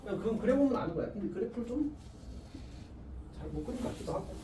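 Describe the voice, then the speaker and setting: Male high school math teacher, casual and self-deprecating, faint hiss, distant mic. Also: animated, quick pace, mellow, roomy sound. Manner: chatty, self-mocking, asks the class constant check questions. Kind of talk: casual classroom lecture. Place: classroom with students.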